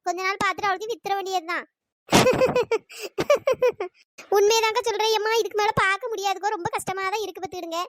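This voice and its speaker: A woman's voice: fairly even intonation, rapid-fire, few pauses, fairly bright tone, slight background noise. A woman voicing a chatty, scolding village woman in a cartoon. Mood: grumbling chat. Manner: scolding, exasperated. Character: chatty village woman, elder sister type. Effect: pitch-raised cartoon voice. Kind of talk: cartoon storytelling.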